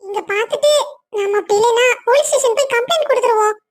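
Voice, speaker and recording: A woman's voice: very high voice, rapid-fire. A woman voicing an eager, dutiful young servant in a cartoon story, speaking in a deferential way.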